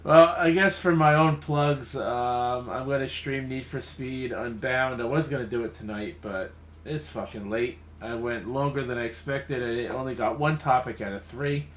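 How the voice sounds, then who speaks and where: Man, casual podcast host, relaxed filler-heavy talk, roomy echo, light background hiss. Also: medium pitch, moderate pace. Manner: easygoing, laughs often, trailing fillers. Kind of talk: casual late-night chat. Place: home room.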